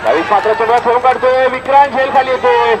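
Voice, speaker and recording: Talking fast in a very high voice, a man with a Maharashtrian accent calls live cricket at an outdoor local tournament. He makes announcements and emphatically repeats the score, with a loud crowd making the outdoor recording noisy.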